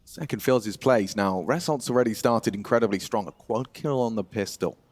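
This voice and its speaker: A man commentating an esports match play-by-play as a caster, with excitable exclamations and dramatic phrasing. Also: on the low side, moderate pace, heavy background noise. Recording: loud game gunfire and clicks behind. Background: gunfire and clicks from a video game.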